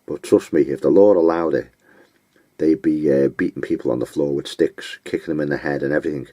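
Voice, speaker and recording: Very deep-voiced blunt, scornful man. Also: mellow, dry recording. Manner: blunt, scornful, name-calling; halting, with many fillers. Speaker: vlogger giving advice. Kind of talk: unscripted monologue.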